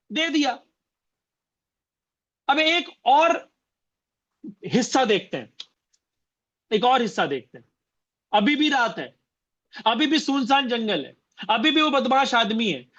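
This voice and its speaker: A man's voice: very high voice, a bit bright. A man from India giving a motivational seminar talk as a business trainer, repeating phrases and firing rhetorical questions at his audience. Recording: dull lo-fi recording.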